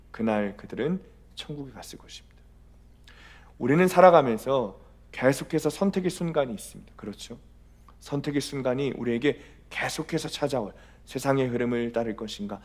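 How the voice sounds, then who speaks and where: A male pastor giving a sermon in church, telling a story dramatically and swinging between loud and soft. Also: mid-range voice. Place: church sanctuary.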